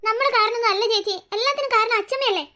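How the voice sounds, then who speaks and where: A woman's voice: very high-pitched, very fast, pushed and bright. Woman doing a chirpy cartoon little girl. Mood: worried. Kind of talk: cartoon voice acting.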